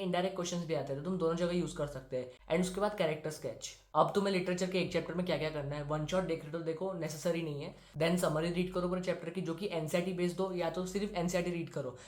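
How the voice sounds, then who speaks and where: An Indian teenage boy with a slightly high voice gives exam study tips to the camera, speaking quickly, briskly, and directly in an instructive way. The room has a noticeable echo.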